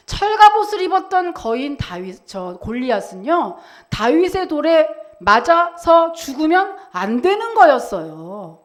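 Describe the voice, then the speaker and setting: A woman pastor delivering a Sunday sermon in a church, dramatic and emphatic, acting out quoted voices. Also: high voice.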